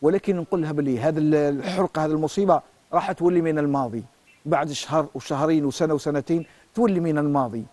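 A man's voice: on the high side, quick pace, darkish tone, no room sound. A middle-aged Algerian man giving religious counsel as a sheikh, emphatic and repeating his phrases. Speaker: sheikh answering callers. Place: TV studio. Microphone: lapel mic.

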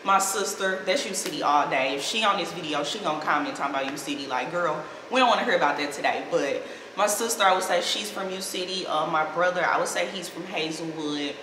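Female vlogger, St. Louis accent, lowish voice, playful slangy chat, echoey living room. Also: a little fast. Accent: St. Louis American. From St. Louis, Missouri, USA. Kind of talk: casual chat to camera. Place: small indoor living room, seated on sofa. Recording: echoey, reverberant room with clear noise.

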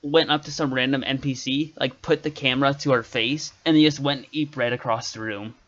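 A man's voice: mid-range voice, steady tone, a little fast, fairly bright tone. Rambling male streamer, muffled audio. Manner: rambling, trails off mid-sentence. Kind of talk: casual gameplay chat.

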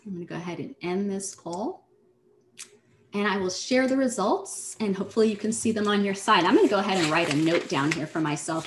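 A woman leading an online workshop, explaining ideas in a measured way and speaking directly to her audience. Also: on the low side, slight background noise. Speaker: presenter. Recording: roomy echo.

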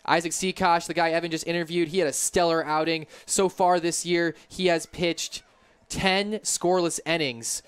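Young man calling sports highlights. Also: fairly even intonation, normal speed, fairly bright tone, clean tone, no room sound. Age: young adult. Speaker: postgame show co-host. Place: stadium broadcast booth. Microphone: headset mic.

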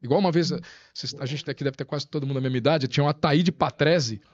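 A man's voice: fairly high pitch, fast, lo-fi sound. A man guest on a podcast, chatting casually and telling stories with lots of slang and acted-out quotes. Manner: animated storyteller, slangy, acts out quotes. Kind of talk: casual chat.

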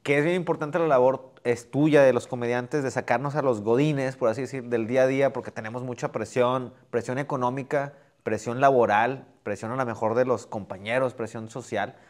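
A male host, asking questions in an earnest, measured way. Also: mid-range voice, steady tone. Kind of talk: interview talk.

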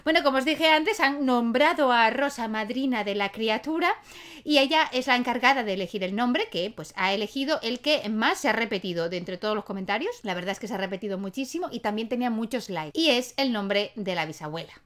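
A woman's voice: fairly high pitch, lively intonation, a little fast, a bit bright. Chatty woman gaming commentary. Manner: chatty, talks to her game characters. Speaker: gaming YouTuber. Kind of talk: casual gameplay commentary.

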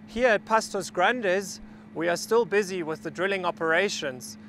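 A man in his thirties gives a measured, factual on-site briefing to camera outdoors on a salt flat, speaking as a mining company representative on a lapel mic. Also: sits high, a little hiss or hum. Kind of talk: on-site project presentation to camera. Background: background music.

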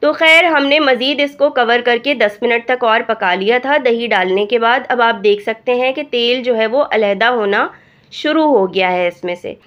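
A woman narrates a home cooking recipe in a calm, step-by-step way. Her somewhat high voice is hoarse from a cold. The voice-over has a dull, lo-fi sound. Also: moderate pace. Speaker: cooking channel host.

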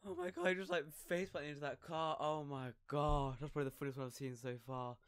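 A man's voice: on the high side, fast talker, fairly bright tone, smooth. A young man giving casual reaction commentary while trying not to laugh. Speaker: reaction video host.

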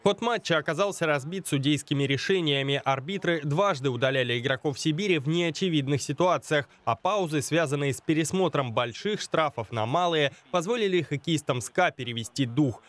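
A man's voice: on the high side, a bit bright. A man narrating a scripted sports report as a reporter.

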